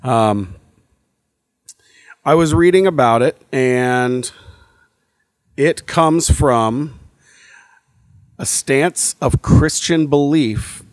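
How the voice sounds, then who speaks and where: A man of ordinary pitch co-hosts a podcast in loose, rambling chat, full of fillers and restarts as he works things out aloud. His voice sounds close and dry, with no room around it. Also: drawn-out words, pauses often, no room sound. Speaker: podcast co-host. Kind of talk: casual chat.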